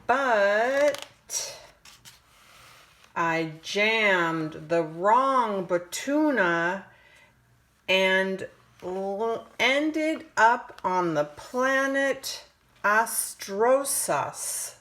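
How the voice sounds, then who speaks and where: Here a woman slowly reads a picture book aloud as a parent would, giving every phrase its time. Lively shifts in pitch, dramatically lengthened words, and suspense-building pauses mark her delivery.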